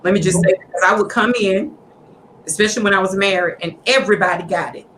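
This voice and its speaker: A middle-aged woman hosting a casual chat among women, talking in an animated, preachy storytelling way. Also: medium pitch, fast, background noise. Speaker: host.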